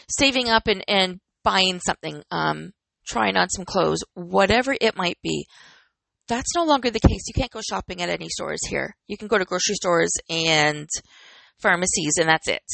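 A woman's voice: mid-range voice, moderate pace, creaky, fairly bright tone, no echo, poor audio. A woman in her forties talking in an earnest, encouraging and reflective way, as host of a personal motivational talk, smiling as she speaks. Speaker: podcast host.

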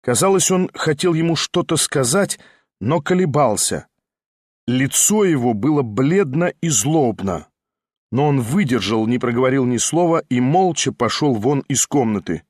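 Expressive male audiobook narrator. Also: medium pitch, a little slow, dry recording, studio quality. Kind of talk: scripted literary narration.

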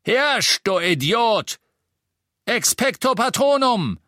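A man voicing a gruff, defiant old male innkeeper wizard who bellows scornfully at his enemies. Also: medium pitch, expressive, slow pace, no room sound, clean studio sound. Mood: bellowing. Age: older.

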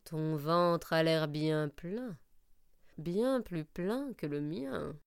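Woman doing a low slow creepy wolf, greedy and cold, storybook read. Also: vocal fry, clean tone, dry recording, clean studio sound, heavily acted. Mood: menacing.

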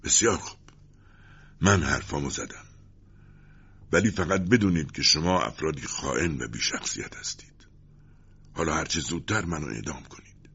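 A man's voice: rumbling low, pauses often, a bit bright, breathy edge, muffled recording, full character voice. A man voicing a proud condemned nobleman who speaks with scorn in a storybook reading. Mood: defiant. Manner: defiant, scornful.

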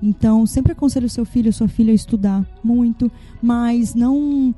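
A woman's voice: a little high, fairly even intonation, normal speed, dark tone, soft background music. A woman, guest on a casual podcast, giving earnest advice to parents.

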